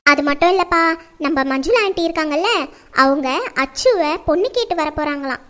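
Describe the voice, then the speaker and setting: Casting: woman as fretful, lecturing mother, very high and piercing, family drama. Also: animated, brisk. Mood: persuading. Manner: scolding, lecturing. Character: nagging middle-aged mother, strict and fretful.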